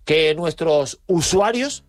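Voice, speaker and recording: A man hosting a radio show, chatting casually and teasing his guest with quick asides. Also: fairly high pitch, animated, dry recording. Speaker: radio host. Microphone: studio microphone.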